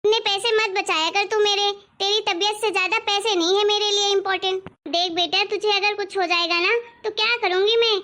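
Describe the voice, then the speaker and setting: A woman's voice: very high-pitched, fairly even intonation, a little fast, hardly any pauses, bright, forceful tone. A woman voicing a loving elderly mother-in-law in a family cartoon story, scolding fondly and insisting firmly. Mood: caring scolding.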